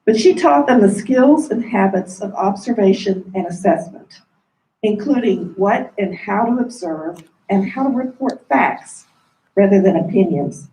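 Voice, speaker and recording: A woman giving a formal, measured welcome speech as a dean, her voice coming through a face mask. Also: mid-range voice, animated, warm tone. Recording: roomy echo, distant mic.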